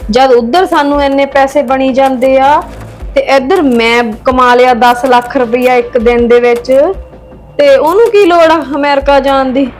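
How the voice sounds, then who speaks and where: A woman's voice: fairly even intonation, moderate pace, fairly bright tone, faint music behind. A woman playing a scheming sister. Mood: gloating. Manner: tearful pleading, then low sly muttering. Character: scheming woman feigning tears, then gloating. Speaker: sister on the phone. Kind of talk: Punjabi web-drama acting.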